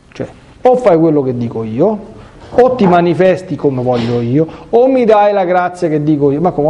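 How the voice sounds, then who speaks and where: Colloquial priest with a mellow voice. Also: male voice, a little high. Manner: colloquial, lively, reads scripture aloud with asides. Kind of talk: catechesis sermon.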